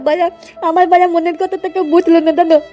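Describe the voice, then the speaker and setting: A woman's voice: very high voice, level tone, quick pace, dark tone, faint music behind. A woman voicing a lovesick, drunk young man in a cartoon, whining and pleading in crude slang. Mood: heartbroken. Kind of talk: cartoon voice acting.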